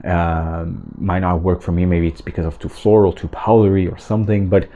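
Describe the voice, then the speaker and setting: Man, low voice, mellow tone, casual vlog chat, enthusiastic, halting with fillers. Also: flat delivery, dull audio. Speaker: fragrance vlogger. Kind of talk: casual talk to camera.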